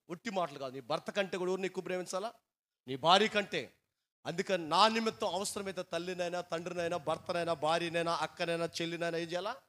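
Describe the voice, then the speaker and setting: A pastor preaching a sermon in a Telugu Andhra accent, telling stories and calling questions out to the congregation, his voice rising into loud appeals. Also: fairly high pitch.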